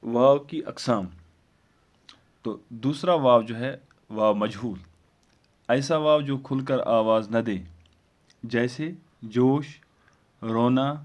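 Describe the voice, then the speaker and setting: Slow, deliberate teacher, man. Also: mid-range voice. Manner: slow, deliberate, repeats example words. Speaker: Urdu teacher. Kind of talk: classroom grammar lesson.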